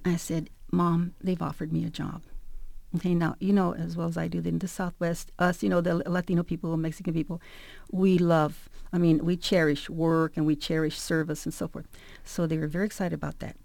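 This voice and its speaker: A woman from South Phoenix telling a personal story in an animated way, acting out her family's dialogue. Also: fairly low pitch, fairly quick, vocal fry, dry recording.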